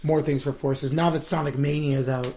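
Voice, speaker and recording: A young man co-hosting a podcast in casual chat, eager, talkative and quick to laugh. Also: on the high side, fairly even intonation, mellow. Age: young adult. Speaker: podcast co-host, animator.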